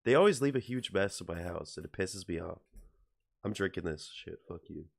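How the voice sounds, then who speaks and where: A man from Wisconsin co-hosting a casual podcast chat, speaking in a dry, laid-back way and often dropping into quiet, mumbled asides. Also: low-pitched, lively intonation, a little fast, gravelly. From Wisconsin, USA. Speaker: podcast co-host.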